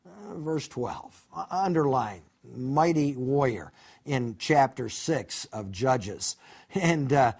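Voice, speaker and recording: A man's voice: mid-range voice, slow. A man teaching a college Bible course, telling the stories with animation. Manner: animated storytelling, acts out the characters. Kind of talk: recorded college lecture.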